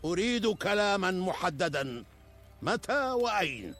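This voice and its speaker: A man's voice: sits high, big pitch swings, unhurried, fairly bright tone, soft background music, full character voice. Imperious pharaoh-like tyrant king, dramatic swings. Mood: angry, demanding. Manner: imperious, pompous, declamatory, like a pharaoh. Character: arrogant tyrant king proclaiming himself a god, pharaoh-like. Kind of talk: Arabic historical drama acting.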